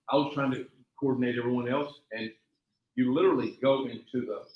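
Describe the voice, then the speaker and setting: Emphatic male taekwondo instructor in echoey hall. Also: on the low side. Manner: repetitive, emphatic, rambling anecdotes. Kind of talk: motivational class talk with storytelling. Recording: echoey, dull lo-fi room sound.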